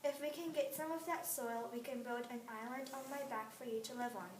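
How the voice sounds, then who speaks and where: A woman reading aloud and voicing a wise old male turtle who speaks in a loud, stern voice. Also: on the high side, steady tone, brisk, lightly acted. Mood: calm. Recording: roomy, distant mic, faint noise.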